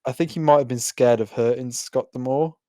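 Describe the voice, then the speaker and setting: A man's voice: mid-range voice, fairly quick, mellow, no room sound. Man, podcast co-host, upbeat, laughs often, dry close sound. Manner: enthusiastic, laughs often, jokes. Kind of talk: casual recap chat.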